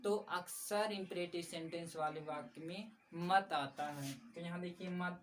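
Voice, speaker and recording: A woman's voice: lowish voice, normal speed. A woman teaching a grammar lesson, patiently repeating key points and calling her viewers friends. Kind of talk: explanatory classroom lesson. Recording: slightly distant mic with faint background noise.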